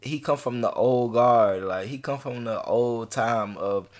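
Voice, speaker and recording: A man co-hosting a casual podcast chat who speaks in a laid-back, halting way with many fillers. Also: mid-range voice. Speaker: podcast co-host.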